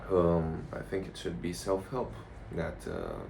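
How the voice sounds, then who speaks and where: Very deep, gravelly man talking casually. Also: sing-song, a little mellow. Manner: blunt, profane, halting delivery. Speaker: vlogger. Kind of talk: casual rambling monologue to camera. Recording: noticeable background noise.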